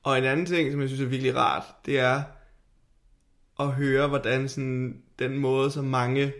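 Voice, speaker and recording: A man's voice: medium pitch, flat delivery, fairly bright tone. A man, chatting casually as a podcast co-host. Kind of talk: casual chat.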